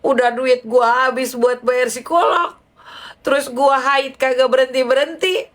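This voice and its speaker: A woman's voice: high voice, unhurried, voice pushed up. Woman doing a frantic, pleading rich friend. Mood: distressed.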